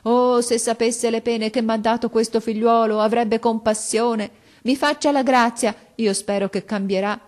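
A woman voicing a desperate, grey-haired older mother who begs and cries with high, loud, imploring speech. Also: steady tone, a little slow, hardly any pauses, natural voice. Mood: sobbing plea. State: crying.

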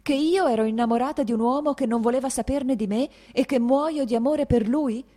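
A woman's voice: fairly low pitch, lively intonation, a little fast, warm tone. A woman voicing a young, proud and hurt woman who answers sharply and with agitation in a raised voice. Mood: furious.

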